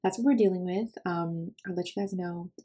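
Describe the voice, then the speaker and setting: A woman's voice: lowish voice, steady tone, a little fast, mellow. A woman in her twenties hosting a podcast, chatting casually with lots of filler words. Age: 20s. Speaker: podcast host.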